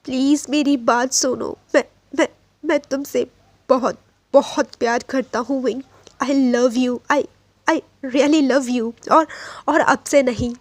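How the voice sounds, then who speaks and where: A woman's voice: sits high, fairly even intonation, takes it slowly, no echo. A woman voicing a tearful young man who pleads with the one he loves, faltering and repeating his words. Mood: pleading.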